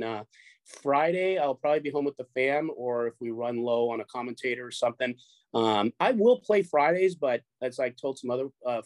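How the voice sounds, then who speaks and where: A man's voice: mid-range voice, a little mellow, no room sound. A middle-aged man from Chicago who runs a poker show, chatting casually, rambling with repeated words and free swearing. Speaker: poker show runner and guest. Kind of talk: casual chat.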